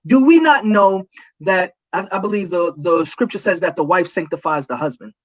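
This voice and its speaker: A man's voice: high-pitched, normal speed, no room sound, highs cut off. A man speaking as a pastor in a casual livestream talk, preachy and emphatic, repeating his key points.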